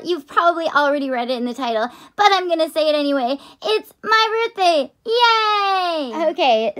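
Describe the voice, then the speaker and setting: A young woman chatting casually as a vlogger, gushing with the excitement of an anime fan. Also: high voice. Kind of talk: casual shopping haul chat.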